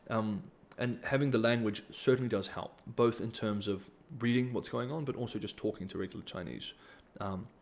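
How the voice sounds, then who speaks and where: Hosting a casual livestream Q&A, a man from New Zealand reads donor comments in a fairly low voice at a moderate pace, hardly pausing. He sounds hesitant, with frequent ums and restarts.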